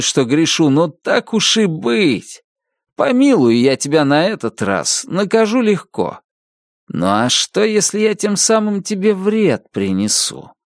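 A man's voice: on the high side, no room sound, clean studio sound, heavily acted. A man doing a smug, cruel officer. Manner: mock-gentle, sanctimonious. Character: sly, cruel male officer feigning kindness.

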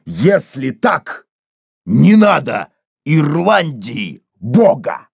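Woman voicing a hoarse bitter man; low, slow, heavy lines. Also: sing-song, dry recording, studio quality, full character voice. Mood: hoarse rage. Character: embittered middle-aged man, hoarse and defiant.

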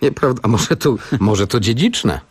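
A man's voice: medium pitch, expressive, moderate pace, slightly rough, dry recording. A man hosting a radio show, chatting with his guest and teasing him. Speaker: radio host. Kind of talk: bantering radio interview.

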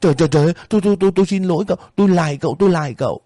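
Man doing a shrill older woman, stingy and cruel, high, swooping scolding voice, storybook audiobook. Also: animated, normal speed, warm tone, no echo, studio quality, lightly acted. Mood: pleading. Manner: shrill scolding, then frantic pleading. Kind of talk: audiobook reading.

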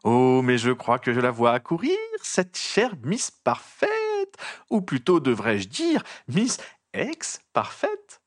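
A man voicing a sly, mocking woman journalist in a drawn-out sing-song tone. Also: mid-range voice, huge pitch swings, dry recording, clean studio sound. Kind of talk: audiobook reading.

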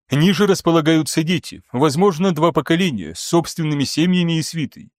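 A man voicing a calm, reserved male expedition leader who speaks quietly and in a measured way. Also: on the high side, dry recording, studio quality, natural voice.

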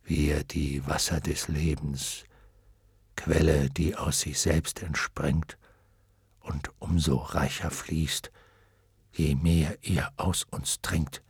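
A man voicing a huge, wise and gentle male luck dragon in an audiobook, murmuring slowly and solemnly. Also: steady tone, creaky, slightly rough, dry recording, studio quality, exaggerated voice. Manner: deep hushed murmur, slow and solemn. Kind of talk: audiobook character voice.

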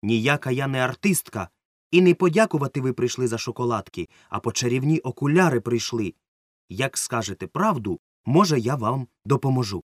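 A man's voice: mid-range voice, lively intonation, brisk, dry recording, studio quality, voice pushed up, close to an everyday voice. A man voicing a stern, suspicious middle-aged woman yard-sweeper who is secretly a witch, in an audiobook. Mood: cross bossy. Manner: stern, scolding, sharp. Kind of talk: audiobook character voice.

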